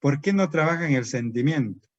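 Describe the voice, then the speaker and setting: A man's voice: fairly high pitch, animated, normal speed, dry recording. A man giving a lecture to teachers as a trainer, asking and answering his own rhetorical questions. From Peru. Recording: dry, dull lo-fi recording.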